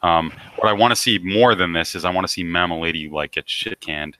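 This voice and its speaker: A man's voice: low voice, a little fast, bright, forceful tone, no room sound, low-quality recording. A man co-hosting a casual podcast chat, joking and rambling with hesitant restarts. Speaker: podcast co-host.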